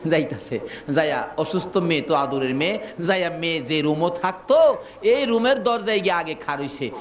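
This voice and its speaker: A man preaching a waz sermon, telling the story dramatically, acting out voices and breaking into shouts. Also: fairly high pitch, animated, normal speed.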